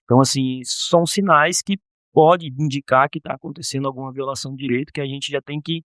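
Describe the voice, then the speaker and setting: A man, a counselor on a podcast, explaining in a measured way with frequent tag questions. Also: mid-range voice, fairly bright tone, dry recording, studio quality. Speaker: guardianship counselor. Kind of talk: podcast interview.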